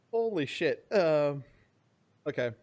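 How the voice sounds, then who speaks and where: A man's voice: a little high, animated, drawn-out words, darkish tone. A man running a tabletop game as game master, narrating loosely with fillers and chuckles.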